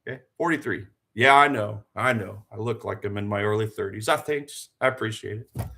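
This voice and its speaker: This livestream trading host is a man in his forties whose voice is fairly low, gravelly, bright and forceful, with a brisk pace. Offering motivational chat alongside market commentary, he sounds earnest and pumped up, repeats phrases to drive points home, and asks his audience rhetorical questions.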